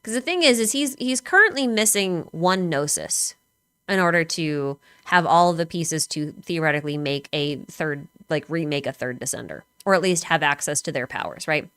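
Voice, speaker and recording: A woman's voice: low voice, expressive, normal speed, a bit bright, clear, resonant tone, dry recording. Chatty woman streamer, filler-heavy. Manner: chatty and speculative, with many "like" fillers. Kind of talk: casual chat.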